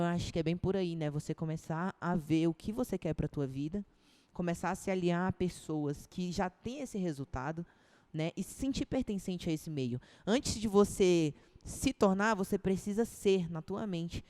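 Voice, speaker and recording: A woman's voice: fairly low pitch, normal speed, warm tone. A young woman from Brazil, a personal trainer chatting as a podcast guest, casual and slangy, often restarting her sentences. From Brazil, Ceilândia (Brasília).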